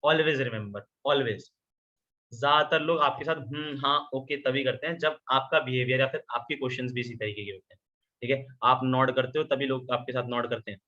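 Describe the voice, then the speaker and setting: Lively Hindi-English man coaching on call. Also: medium pitch, normal speed. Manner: animated, asks listeners questions, mixes English into Hindi. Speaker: trainer. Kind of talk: virtual meeting training talk. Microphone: video call. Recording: lo-fi video call audio.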